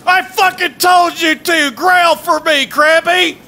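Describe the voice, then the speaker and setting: A man playing a loud, bossy, swearing drill sergeant in an online game, barking orders with a strained delivery. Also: very high-pitched, steady tone, slow pace, full character voice. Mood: bossy, taunting. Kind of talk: improvised in-game role-play over voice chat. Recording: voice over loud game battle noise.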